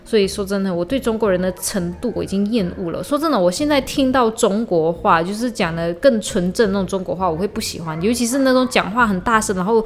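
A woman's voice: medium pitch, lively intonation, quick pace, few pauses. Blunt, profane woman ranting. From Malaysia. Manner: heated, blunt, profane, mixes in English slang. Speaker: podcast host. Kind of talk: solo podcast rant. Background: faint lo-fi hip-hop beat.

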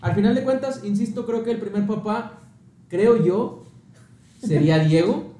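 A man's voice: high voice, animated, normal speed, dark tone. A young man with a northern Mexican accent co-hosting a casual, slangy group chat. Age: young adult. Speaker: podcast co-host. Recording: roomy, echoing sound.

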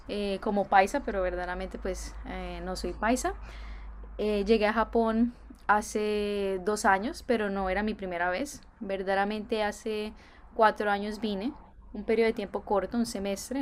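A young Colombian woman with a Colombian accent and a medium-pitched voice answers interview questions as a guest, thoughtfully and with many filler pauses.

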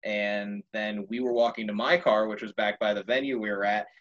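A young man telling a story in casual conversation, animated and laughing often. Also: on the low side, normal speed, highs cut off.

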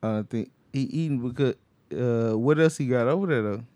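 A man's voice: mid-range voice, brisk, warm tone, dry recording. A man in a casual football debate, slangy and emphatic, repeating short blunt verdicts.

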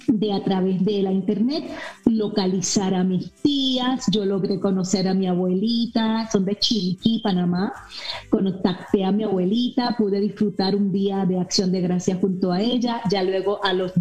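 Expressive middle-aged woman in an echoey room. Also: mid-range voice. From Miami, United States. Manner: warm and expressive, with rhetorical asides. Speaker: interview guest. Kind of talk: candid personal storytelling. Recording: echoey, slightly dull room sound with faint music.

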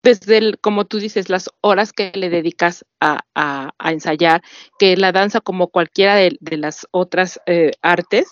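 A woman co-host praises the guest warmly in casual chat. Her voice is a little low. The recording is dry and dull, like a voice message. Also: unhurried, no room sound.

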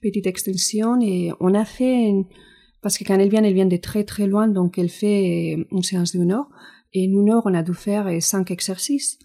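Woman with a Spanish accent, mellow voice. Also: mid-range voice, fairly even intonation, moderate pace. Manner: explanatory, many fillers and restarts. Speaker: physiotherapist. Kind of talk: interview answers.

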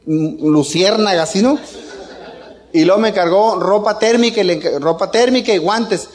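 A middle-aged man with a Mexican accent telling a casual family anecdote, joking and chuckling as he goes. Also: high-pitched. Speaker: father telling a story.

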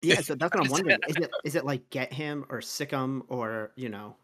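A man co-hosting a casual podcast, speaking in a measured, explanatory way. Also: mid-range voice, pushed and bright, breathy edge. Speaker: podcast co-host. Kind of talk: casual chat.

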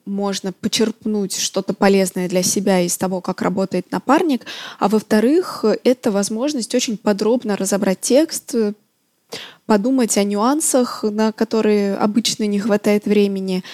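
A woman interpreter co-hosts a conversational podcast. She explains things in a calm, orderly way. Her voice sits in the middle range, recorded close and dry. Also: medium pitch, no echo.

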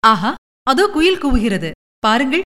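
A young would-be actress who speaks sweetly and pleads or gushes with each line, as a woman narrator puts her on. Her voice sits high and light. A long reverb lingers around her. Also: big pitch swings, a little slow, sharp tone, full character voice. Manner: sweet, apologetic and gushing. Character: young woman hoping to become a film actress.

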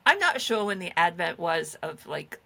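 A woman's voice: lowish voice, sing-song, moderate pace, gravelly, bright, forceful tone. A middle-aged woman co-hosting a podcast, telling meandering, self-deprecating stories in casual chat. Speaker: podcast co-host.

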